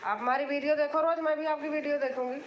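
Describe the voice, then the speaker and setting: A woman's voice: high voice, fairly even intonation, fast talker, roomy sound, dull audio, slight background noise. A woman from Allahabad, hosting a casual live stream and answering comments in an insistent, repetitive way, explaining herself. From Allahabad, India.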